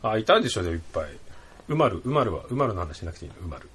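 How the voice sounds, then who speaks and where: A man hosting a casual podcast chat, blunt and joking, who laughs often and lowers his voice for touchy gossip. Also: very animated, very fast, fairly bright tone, slightly rough. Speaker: podcast host.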